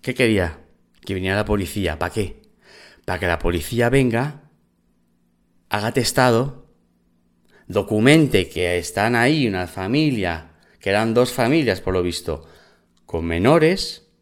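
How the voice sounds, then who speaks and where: A man with a Spain Spanish accent telling a personal story in casual, animated, profane talk. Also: on the low side, a little slow, long pauses.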